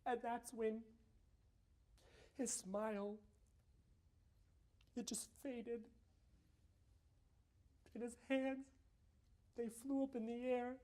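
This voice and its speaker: Young guy doing a competition prose reading, talks slow, repeats himself, goes from quiet to yelling. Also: very high voice, little pitch movement. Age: young adult. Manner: halting, repeats phrases, swings from hushed to shouting. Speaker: college forensics competitor. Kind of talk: dramatic prose interpretation performance.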